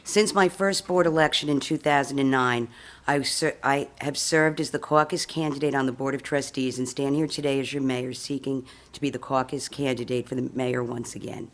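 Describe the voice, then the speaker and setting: A woman, a mayor seeking renomination, giving a prepared speech at a community meeting and rushing through a long list of accomplishments. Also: extremely low pitch, steady tone. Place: community center meeting room.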